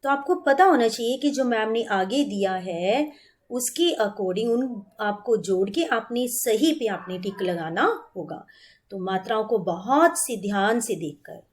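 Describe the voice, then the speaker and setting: A woman's voice: on the high side, animated. A woman teacher giving a revision lesson to children, asking questions and answering them herself, patiently stretching out words to model them. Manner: slow, patient, drawn-out word modelling; coaxing, asks and answers own questions.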